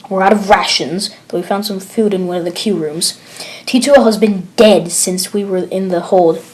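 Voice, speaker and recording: A woman voicing a worn-out male soldier stranded for weeks, reporting in a hushed, tired way, in an amateur read-aloud of a horror log. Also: mid-range voice, moderate pace, close to an everyday voice, rough recording. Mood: weary.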